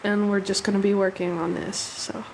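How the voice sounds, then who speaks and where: In a low-quality recording with slight background noise, a young woman speaks at a moderate pace in a medium-pitched, level, creaky voice. She's hosting a live drawing stream, chatting casually, thanking viewers and laughing easily, a little sniffly with a cold.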